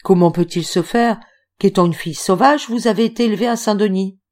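A woman reading an audiobook voices a bewildered, courteous young gentleman who asks flustered questions. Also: medium pitch, fairly quick, natural voice.

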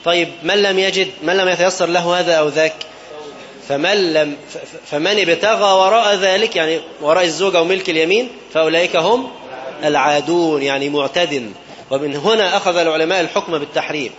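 A man's voice: on the high side, fast, fairly bright tone. An Egyptian man preaching a sermon, telling a story and throwing rhetorical fill-in questions at his listeners. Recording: dull lo-fi recording with faint background noise.

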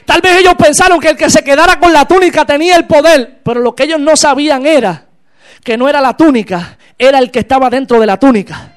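Man, sermon, very high voice, fervent, shouts at peaks. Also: quick pace. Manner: impassioned, builds to shouted exclamations. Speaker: preacher. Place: church.

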